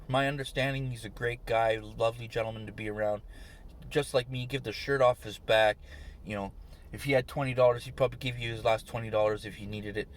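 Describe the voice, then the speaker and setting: A man's voice: medium pitch, fairly even intonation, fast. Man, tired vlog rant, swearing, irritated. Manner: swearing, ranting, rising to shouts. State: tired, short on sleep. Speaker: vlogger. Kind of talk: angry ranting vlog.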